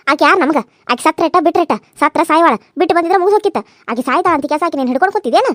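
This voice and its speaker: A shrill, very high, berating cartoon mother-in-law with a North Karnataka Kannada accent, voiced by a woman. She fires off her scolding at a breakneck clip, repeating herself. The sound is dry and close. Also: animated, racing, a bit bright, dry recording. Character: furious scolding middle-aged mother-in-law. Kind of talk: cartoon serial voice acting.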